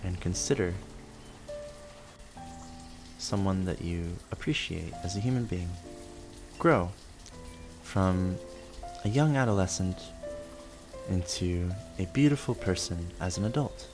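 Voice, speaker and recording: A man rambling softly and sleepily, musing gently and without hurry in short phrases as he hosts. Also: sits low, expressive, slow pace, long pauses, over music. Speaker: host of a relaxed rambling show. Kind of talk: soft sleepy rambling, narrating a town-building game.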